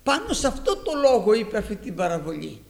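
Male preacher, high lively voice, sermon storytelling, rhetorical questions. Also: gravelly.

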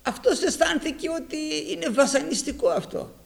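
A male preacher giving a sermon, telling a parable with lively storytelling and rhetorical questions. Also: extremely high pitch, vocal fry.

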